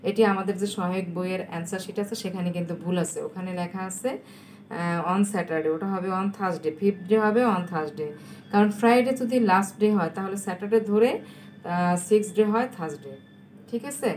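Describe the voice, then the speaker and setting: A Bangladeshi woman teacher, a native Bengali speaker, giving a recorded lecture and dictating English sentences slowly so students can write them down. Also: lowish voice, darkish tone, a little hiss or hum.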